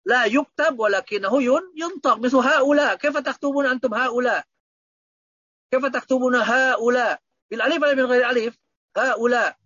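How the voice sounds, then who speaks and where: A man's voice: extremely high pitch, brisk, fairly bright tone, no room sound, dull audio. A man teaching Arabic grammar online, patiently repeating points and quizzing his students.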